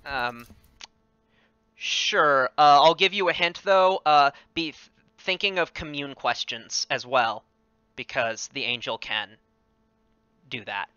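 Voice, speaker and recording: Bright, halting man game master. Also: mid-range voice, expressive, clean tone, dry recording. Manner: hesitant, many ums and restarts. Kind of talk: narrating a tabletop game. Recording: dry, muffled voice chat.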